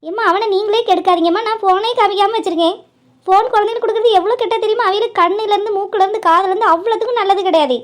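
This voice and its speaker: A woman's voice: very high-pitched, racing. A woman voicing an earnest, protective young mother who lectures her elders. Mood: lecturing.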